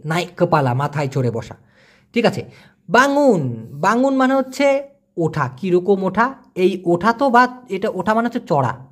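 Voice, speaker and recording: A language teacher gives a casual spoken vocabulary lesson. The teacher repeats each word to drill it and adds jokey, self-mocking asides. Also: mid-range voice.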